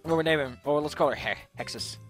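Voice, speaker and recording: A man casually commentating as he builds a tabletop game character, playful and thinking out loud. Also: on the high side, quick pace, soft background music. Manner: playful, thinking aloud, mild swearing.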